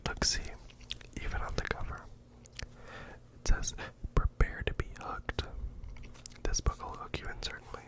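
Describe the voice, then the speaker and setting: Whispered role-play, deadpan librarian. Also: unhurried, long pauses. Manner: deadpan, mock-earnest. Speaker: ASMR performer playing a librarian recommending books.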